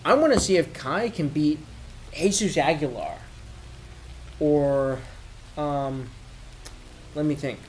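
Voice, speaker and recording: A man giving a casual, off-the-cuff sports rant, rambling and thinking aloud in halting bursts as if he has had a few drinks. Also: fairly high pitch, slight background noise, rough recording. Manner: drinking while ranting, tipsy rambling. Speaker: MMA commentator giving opinions.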